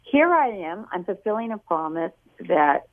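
An older woman from California is heard over a telephone line, her voice tinny and narrow. She speaks in a lowish register and tells her stories in a chatty, rambling manner, as a guest author on a phone interview. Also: sing-song, moderate pace.

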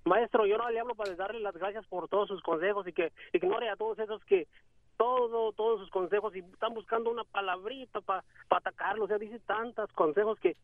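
A man's voice: high-pitched, fairly quick, dry recording. A man calling into a radio show, rambling and agitated as he talks. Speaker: caller. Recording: phone line.

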